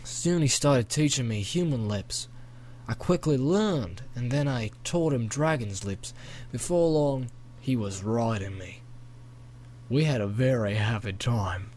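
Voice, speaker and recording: A man's voice: medium pitch, lively intonation, a little slow, a little mellow, a little hiss or hum, lightly acted. A man voicing a friendly, chatty male dragon with a put-on Australian accent in an amateur audiobook. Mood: storytelling.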